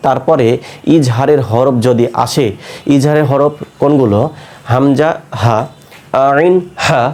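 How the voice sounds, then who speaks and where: Man teaching tajweed, mellow voice. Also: medium pitch. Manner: asks the class questions and answers them himself; spells out letters slowly and clearly. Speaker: Quran recitation teacher. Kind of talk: online tajweed lesson.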